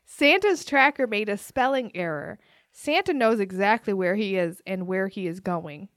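A woman co-hosts a podcast, telling stories and running a quiz game amid lots of laughter. Her medium-pitched voice has lively intonation and a normal speed, and the clean studio sound carries no room sound. She's giggly and storytelling in this casual chat.

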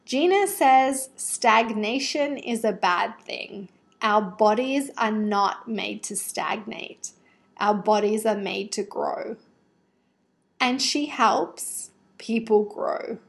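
A woman's voice: mid-range voice, slow pace, vocal fry, husky, no room sound. A woman hosting her podcast, upbeat and laughing often as she introduces and interviews her guest. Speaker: podcast host. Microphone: remote call from her apartment.

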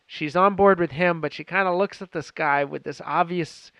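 A chatty man walks through a TV episode in a casual recap, full of fillers and quick restarts. His voice sits a little high and comes across smooth and resonant. The sound is dry and close to the mic. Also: a bit bright, no room sound, lo-fi sound. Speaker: podcast host.

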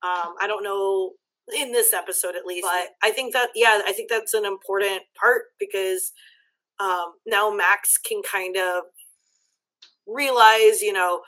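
Slow-talking woman guest, thoughtful, kinda hedgy. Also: medium pitch, steady tone, pushed and bright, poor audio. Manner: unhurried, thoughtful, hedging. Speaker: guest co-host. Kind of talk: casual chat.

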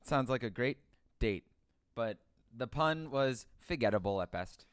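A man co-hosting a podcast, trading puns in casual banter and delivering them deadpan. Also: mid-range voice, measured pace, clean tone, no room sound. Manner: deadpan punning. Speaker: podcast co-host and editor. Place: dining room.

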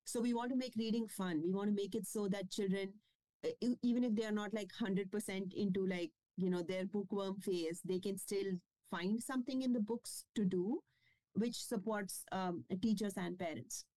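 In a chatty interview, a woman who publishes and writes children's books discusses her work with many fillers and restarts. Her voice is warm and medium-pitched at a moderate pace; the audio is poor, with no room sound.

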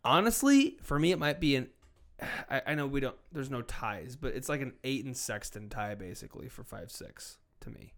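A man co-hosting a sports podcast in casual chat, animated and profane, swinging between loud bursts and low asides. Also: moderate pace. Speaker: podcast co-host.

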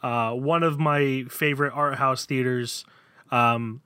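A man's voice: medium pitch, steady tone, takes it slowly, sharp tone, smooth, no room sound. A man co-hosting a podcast, reviewing films in a casual, hesitant way full of fillers. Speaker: podcast co-host. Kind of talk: casual chat.

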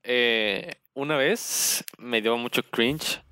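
Bright, teasing Mexican co-host. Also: male voice, medium pitch, smooth. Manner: teasing, quick interjections and jokes. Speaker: podcast co-host. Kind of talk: casual chat, teasing banter.

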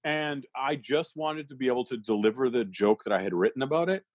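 Animated storytelling man with a husky voice. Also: medium pitch, fast talker, no room sound. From Canada. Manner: animated, laughs through his own story. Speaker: comedian guest. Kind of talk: casual storytelling.

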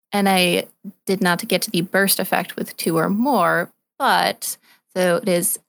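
Woman carefully explaining her game moves. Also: mid-range voice. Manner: explains rules step by step. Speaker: player. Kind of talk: playing a tabletop game.

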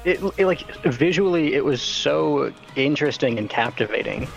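A man's voice: fairly high pitch, normal speed, gravelly, lo-fi sound, soft background music. A man in a casual chat, musing hesitantly and with amusement about the results. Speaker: podcast co-host.

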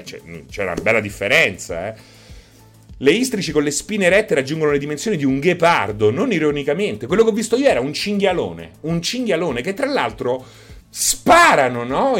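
Guy streaming, super lively up and down voice, goofy and jokey, faint music behind. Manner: animated, jokey, breaks into high squeaky fox imitations. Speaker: streamer host. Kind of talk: casual live-stream chat reading viewer messages.

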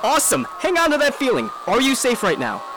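A woman's voice: high-pitched, wildly swooping pitch, brisk, background noise, voice pushed up. A woman voicing a young man who guides the heroine in a breezy, falsely reassuring way. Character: upbeat young man guiding her over radio.

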